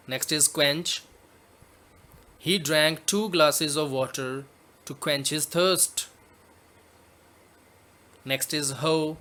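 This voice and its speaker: A male teacher from Punjab in India walks students through a poem at a slow, careful pace. His voice sits a little higher than most men's, and he explains each point step by step in a classroom manner. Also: pushed and bright, clean tone.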